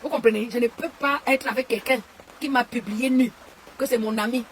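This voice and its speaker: Woman, live-stream rant, insulting and repetitive, fairly high voice, faint background hiss. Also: steady tone, brisk. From Cameroon. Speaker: online commentator. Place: home and garden.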